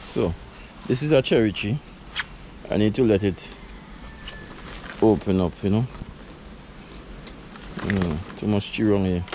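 In a low-quality recording with a little hiss or hum, a middle-aged Vincentian man tours his backyard garden for his vlog, chatting casually and laughing often. He's from Saint Vincent and the Grenadines, and his relaxed talk uses creole phrasing, delivered in a lowish voice at a measured pace with long pauses.

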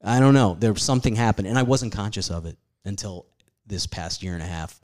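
A man in his forties with a very low voice talks loosely on a podcast. He rambles from thought to thought, puts himself down and swears casually. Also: fairly quick, darkish tone. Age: 40s. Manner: rambling, self-deprecating, swears freely. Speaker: comedian guest.

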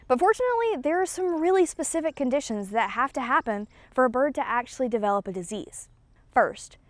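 A young woman presenting a scripted educational explainer outdoors in a wooded clearing, talking clearly and upbeat, step by step. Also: high voice, no room sound.

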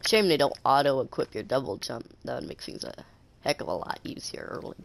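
Sarcastic young man with a lively gravelly voice. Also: mid-range voice, brisk. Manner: sarcastic, jokey, talks to enemies. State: stuffy nose. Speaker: gameplay commentator. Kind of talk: casual let's-play commentary.

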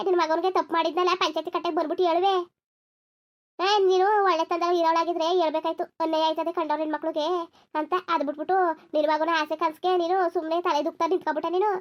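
A woman voicing a fiery young village bride in a cartoon, scolding in rapid-fire retorts with a rural Karnataka Kannada accent. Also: very high voice, dull audio. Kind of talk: cartoon voice acting.

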